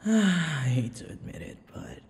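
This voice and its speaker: In this ASMR boyfriend roleplay, a male performer voices a centuries-old vampire lover who is obsessive and menacing, sounding bitter and scornful. His slightly high, exaggerated voice makes huge pitch leaps, and he moves slowly and dramatically from tenderness to something unhinged, breathy and frequently whispering. Long, echoey reverb and faint noise color the audio.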